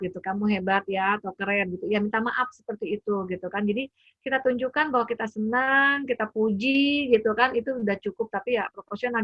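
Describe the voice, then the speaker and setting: Speaking into a computer mic on a video call, a mother gives a chatty, informal webinar talk from home, full of fillers and acted-out lines from parent and child. Her voice sits mid-range, and the recording is dry and muffled.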